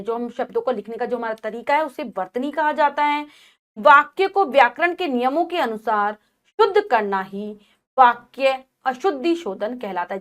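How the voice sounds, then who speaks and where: A woman teacher giving a spelling lesson to children, saying each word slowly and repeating it, asking questions and answering them herself. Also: high voice. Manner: says each wrong spelling then the correct one, slowly stressed; patient, repeats words and asks herself questions.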